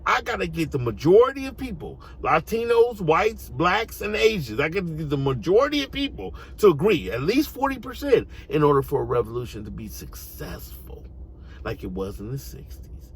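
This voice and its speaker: An American online commentator delivers a casual, opinionated monologue in street slang, his husky voice sitting on the high side and swooping wildly in pitch. He keeps a moderate pace, stays emphatic and slangy, and repeats phrases to hammer his points home.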